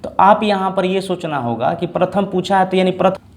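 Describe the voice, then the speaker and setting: A male math teacher giving a board lesson, repeating each term slowly and checking in with his students. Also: high voice. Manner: repeats terms slowly, checks in with "ठीक ना" and "दोस्तों".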